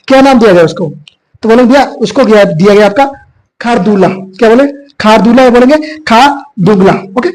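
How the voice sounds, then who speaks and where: Hoarse man teaching at a whiteboard. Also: very high-pitched, a little mellow, low-quality recording. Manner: repetitive, quizzing students with filler 'bhaiya'. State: hoarse from a cough. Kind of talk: classroom geography lesson. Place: classroom with whiteboard.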